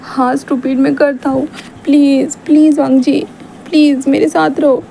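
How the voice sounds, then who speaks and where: A woman's voice: sits high, flat delivery, normal speed, vocal fry, dark tone, slight background noise. A woman voicing a tearful, flustered young man who stammers and pleads with his lover. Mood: tearful pleading.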